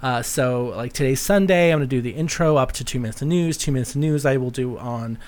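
A man's voice: medium pitch, fast talker, darkish tone. A man hosting a solo podcast in a casual, rambling, chatty way with a campy touch. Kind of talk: casual, rambling personal chat.

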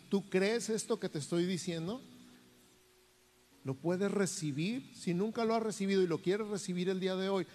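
Fervent Mexican pastor, reverberant church. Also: male voice, sits high, darkish tone. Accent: Mexican Spanish. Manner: fervent, leads repeat-after-me prayer slowly. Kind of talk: sermon with altar call prayer. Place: church sanctuary. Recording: long church reverb with music.

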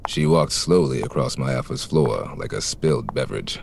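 An actor playing a wisecracking, world-weary private detective, deadpan, in a parody noir audio drama. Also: male voice, extremely low pitch, normal speed, gravelly, slight background noise, exaggerated voice. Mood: wry, brooding. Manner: deadpan, hard-boiled wisecracking. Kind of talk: parody noir narration and radio drama acting.

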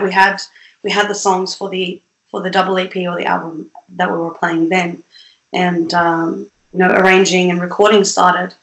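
A woman's voice: medium pitch, fairly bright tone. Young swedish woman chatting as a guest, lots of ums and restarts, echoey room. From Sweden. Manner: chatty, many fillers and restarts, laughs often. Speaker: independent musician, guest. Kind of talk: casual interview chat.

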